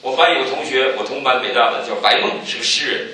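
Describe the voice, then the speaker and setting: A man giving a church testimony, telling stories with animated swings and loud exclaiming peaks. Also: medium pitch, fast, heavy reverb, distant mic, a little hiss or hum, poor audio. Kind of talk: sermon testimony.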